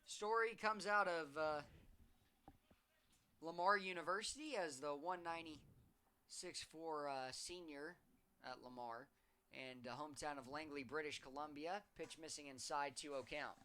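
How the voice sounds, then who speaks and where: A male play-by-play announcer calling a baseball game. His voice sits a bit high, with a smooth, resonant clarity and a bright, forceful edge. He keeps a steady call that lifts in energy when a hit comes. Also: unhurried.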